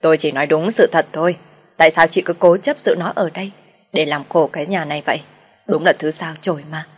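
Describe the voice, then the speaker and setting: A woman voicing a harsh, bitter older mother-in-law who berates loudly in a storybook tale. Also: brisk, slightly rough. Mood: scolding. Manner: shrill, berating, loud.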